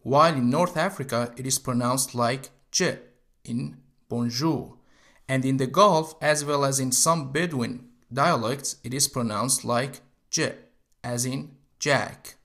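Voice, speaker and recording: Slow, gravelly male Arabic teacher. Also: mid-range voice, fairly bright tone. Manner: slow, step-by-step explaining. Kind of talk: instructional narration.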